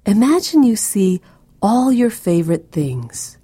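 Soft, slow, breathy woman guiding relaxation. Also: mid-range voice, sing-song, dry recording. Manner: soft, soothing, gentle delivery with breathy, near-whispered phrases. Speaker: guided meditation narrator for children. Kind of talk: scripted guided relaxation narration.

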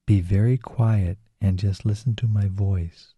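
Slow soothing man guiding relaxation. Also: lowish voice, steady tone, dark tone, husky, no room sound. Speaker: relaxation guide. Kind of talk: guided relaxation script. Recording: dull lo-fi recording.

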